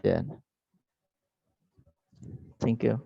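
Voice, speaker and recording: A man's voice: very slow, mellow. A man, an English learner answering hesitantly and apologetically in an online discussion, repeating words. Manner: hesitant, stammering repetitions, apologetic. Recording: slightly dull phone audio.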